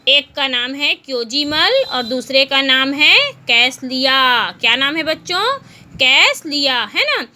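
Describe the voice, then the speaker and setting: A woman teaching a Hindi class to children, patiently asking questions and answering them herself, repeating words slowly. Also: sits high, lively intonation, pushed and bright. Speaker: school teacher.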